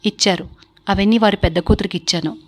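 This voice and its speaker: Woman narrator voicing a restrained, grieving young wife, soft hesitant lines, storybook reading. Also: medium pitch, fast, close to an everyday voice. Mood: subdued. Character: heartbroken young married woman, quiet and restrained.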